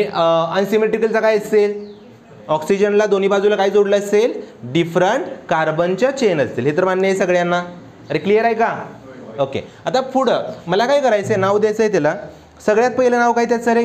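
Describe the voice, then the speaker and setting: A male chemistry teacher giving a classroom lecture, constantly firing questions at his students and urging them to answer aloud. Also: sits high. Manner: keeps quizzing students with quick questions.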